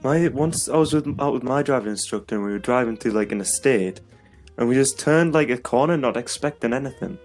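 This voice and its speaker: A man's voice: medium pitch, animated, fairly quick, soft background music. A young man, co-hosting a casual podcast and telling stories that are full of laughter. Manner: laughing, storytelling with loud acted quotes. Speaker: podcast co-host. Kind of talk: casual chat.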